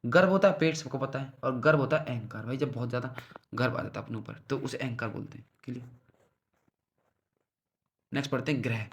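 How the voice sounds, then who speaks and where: A man's voice: mid-range voice, a little fast, long pauses, fairly bright tone. A man teaching a casual revision lesson for exam students. He repeats each word pair several times, checks in often, and talks to the listener like a friend. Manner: calls the listener "bhai", speaks informally.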